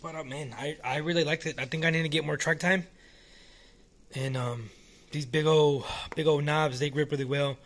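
A man casually talking through a hobby model car while filming it one-handed at home, relaxed and rambling with frequent restarts. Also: fairly high pitch, moderate pace. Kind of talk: casual off-the-cuff vlog. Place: small indoor room at home.

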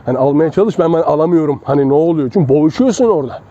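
A man's voice: on the high side, expressive, rapid-fire, mellow. A man, a self-defense instructor talking casually to his students while he demonstrates moves with a partner. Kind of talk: casual outdoor training demonstration. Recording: dull lo-fi outdoor sound with faint traffic.

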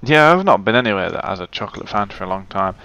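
A man's voice: on the low side, expressive, quick pace, bright, forceful tone, highs cut off. A man giving casual, muttering gameplay commentary and swearing freely. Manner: chatty, swears, mutters to himself. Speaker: let's play gamer.

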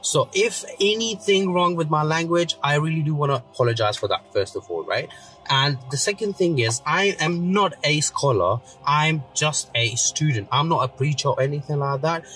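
This commentator, a thirtysomething man from Pakistan with Urdu as his native tongue, records an earnest, filler-heavy video rebuttal on his phone while sitting in a parked car. His voice is a little high and fairly bright, animated at a normal speed, and the audio quality is poor.

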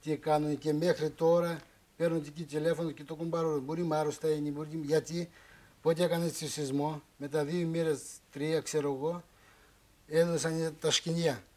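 High-voiced man telling a rambling story. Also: little pitch movement, darkish tone. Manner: rambling, broken Greek with repeated phrases. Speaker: guest on a relationship talk show. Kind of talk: emotional storytelling. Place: television studio.

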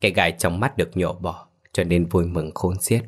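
Casual: guy with a really deep voice telling a creepy ghost story, slow and serious. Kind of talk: scripted ghost story narration.

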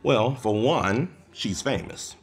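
An actor playing a crude, teasing bar regular who tells dirty jokes. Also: male voice, medium pitch, lively intonation, slow pace. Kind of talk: film dialogue.

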